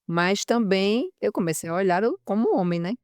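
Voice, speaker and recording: A woman's voice: mid-range voice, expressive, normal speed, a little mellow, clear, resonant tone, no room sound, studio quality. A woman guest talking casually, chiming in to finish her husband's sentences. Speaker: podcast guest. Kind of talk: casual conversation.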